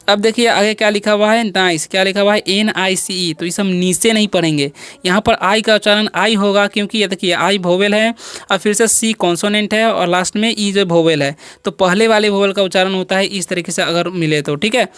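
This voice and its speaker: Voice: mid-range voice, fairly bright tone, clear, resonant tone, dry recording. A teacher giving an English vocabulary lesson to children, patiently explaining and drilling each word by asking questions and answering them.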